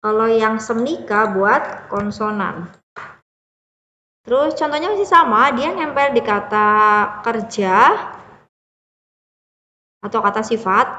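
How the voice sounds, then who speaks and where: A woman's voice: fairly high pitch, fairly bright tone, in a large hall, dull audio. A woman teaching a beginner language lesson, explaining patiently step by step and checking in often with the listener. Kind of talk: classroom-style lesson explanation.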